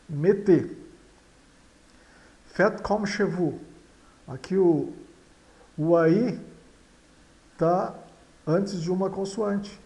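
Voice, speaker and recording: A man teaching French pronunciation, halting and full of fillers. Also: on the high side, dark tone. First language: Portuguese. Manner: slow, halting, many fillers and repetitions. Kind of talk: explaining pronunciation rules.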